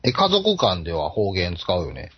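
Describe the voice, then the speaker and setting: A man with a Kansai accent in casual podcast chat, animated and teasing. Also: deep voice, moderate pace, husky, no echo. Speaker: podcast co-host. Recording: dull lo-fi podcast audio.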